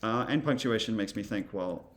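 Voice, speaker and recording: A male instructor casually walking through software, thinking aloud with many fillers and asides. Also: fairly low pitch, normal speed.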